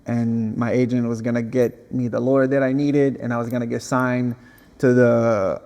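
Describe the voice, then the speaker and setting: Heard in a large hall, this guest artist has a dark, flat, mid-range voice at a normal pace. He's a young man from Angola, a native Portuguese speaker, chatting earnestly and restarting his phrases in a casual interview.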